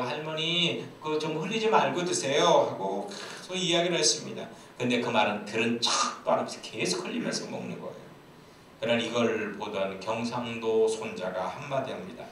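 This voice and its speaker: Telling jokes and lighthearted tales from the pulpit, this male pastor preaches with a playful storyteller's manner. He speaks in a mid-range, somewhat bright voice, recorded by a far-off microphone in a heavily reverberant church sanctuary with slight hiss.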